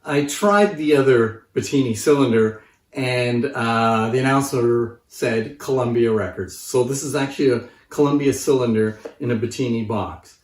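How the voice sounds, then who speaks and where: This presenter, a man in his fifties and a collector of antique phonographs, sits on his living-room sofa explaining things casually to the camera. His mid-range voice has a darkish tone and a moderate pace, and the recording is roomy with the mic set at a distance.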